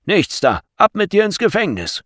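A man voicing a stern, scornful soldier guard in a storybook reading, giving loud orders. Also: low voice, normal speed, no room sound, clean studio sound.

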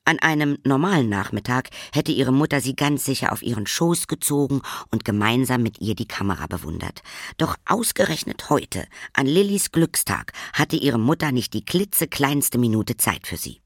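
A man reading a children's story aloud in an expressive, sing-song storytelling manner. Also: mid-range voice, moderate pace, few pauses, no echo, clean studio sound. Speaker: narrator.

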